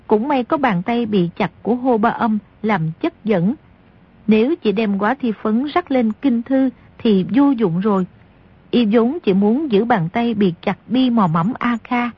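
A woman narrates an audiobook in a very husky, breathy voice that sits a little high. She reads with steady storytelling. The recording is dry and slightly lo-fi. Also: unhurried, no room sound. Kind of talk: scripted narration.

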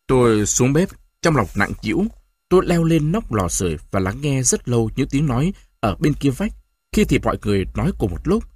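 A male narrator reads a novel aloud with an expressive, lively voice that moves freely up and down. His tone is a little husky and the recording is dry and close. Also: mid-range voice, dry recording. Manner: expressive storytelling. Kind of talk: audiobook reading.

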